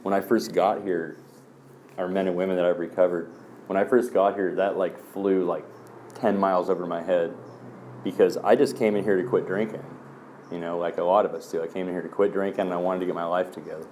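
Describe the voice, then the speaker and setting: A man with a low voice shares stories at a meeting in an easygoing, rambling way. He drops in fillers and calls the listeners "man". A faint background noise sits under his voice. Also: steady tone, fairly quick, darkish tone. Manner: loose storyteller, fillers like "man" and "um". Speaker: speaker sharing at a recovery meeting. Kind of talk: casual personal talk.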